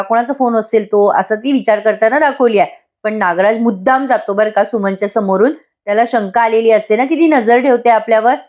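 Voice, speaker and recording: Chatty woman recapping a TV serial. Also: a little high. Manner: chatty, addresses viewers directly. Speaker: TV serial reviewer. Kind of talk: voice-over episode recap.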